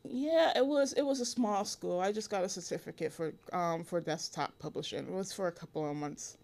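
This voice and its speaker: A woman in her thirties from Connecticut, a guest in a casual interview. She talks in halting bursts, full of ums and restarts as she searches for words. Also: fairly low pitch, darkish tone. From Connecticut, USA. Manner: hesitant, many fillers and restarts. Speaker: interview guest, illustrator and cartoonist.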